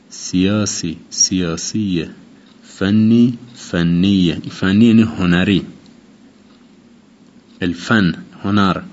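A man teaching an informal vocabulary lesson, repeating each word slowly and explaining its meaning. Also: sits low, darkish tone. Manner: repeats words slowly and glosses them in Persian. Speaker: Arabic teacher. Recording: dull lo-fi recording with faint noise.

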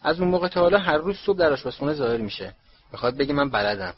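A man's voice: on the high side, lively intonation, slightly rough. A man voicing a wry teenage boy twin in a storybook reading. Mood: mocking. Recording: dull lo-fi recording.

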